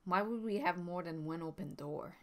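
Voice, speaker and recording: Woman, lowish voice, casual chat, board game stream, thinking aloud, fillers. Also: normal speed. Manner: thinking aloud, many fillers, frequent laughs.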